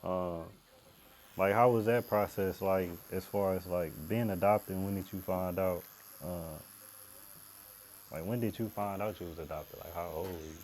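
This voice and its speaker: A man hosting a casual podcast interview, asking easygoing questions and giving short, relaxed replies. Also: low-pitched, unhurried, slight background noise, low-quality recording. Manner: laid-back, short affirmations. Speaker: podcast host, tattoo artist.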